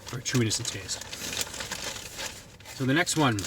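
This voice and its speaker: This food reviewer, a man from New England with a Boston accent, tastes dishes on camera and rambles casually as his thoughts come. His mid-range voice is expressive and a little slow, and the recording carries noticeable background noise.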